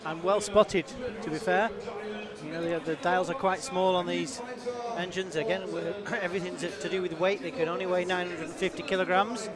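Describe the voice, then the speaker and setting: High-pitched man, tractor pull announcer over crowd. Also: fairly even intonation, moderate pace. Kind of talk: live event commentary, chatty co-hosting. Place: outdoor motorsport arena. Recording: loud crowd, outdoor event noise.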